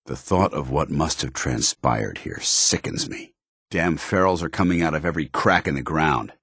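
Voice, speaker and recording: An actor playing a stern, dutiful military paladin in a post-apocalyptic video game, speaking formally with clipped authority. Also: male voice, extremely low pitch, fairly bright tone, breathy edge, no room sound, studio quality, heavily acted. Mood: disgusted, hostile, then stern, observant. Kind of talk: video game companion dialogue.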